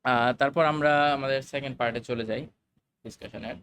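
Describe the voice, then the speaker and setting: A man teaching a recorded Arabic lesson, explaining the grammar slowly, with fillers and English words mixed in. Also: mid-range voice, fairly even intonation, fairly bright tone, slight background noise.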